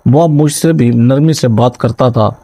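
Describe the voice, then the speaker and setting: A man narrating a first-person story in a steady, dramatic, scripted reading voice into a close mic. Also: medium pitch, no echo, poor audio.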